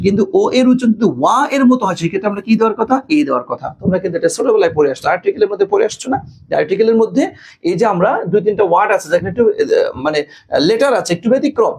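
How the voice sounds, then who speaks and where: A man's voice: sits high, husky. A man teaching English grammar in an online class, repeating phrases and often checking whether the students follow. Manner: repeats phrases, keeps asking students to confirm.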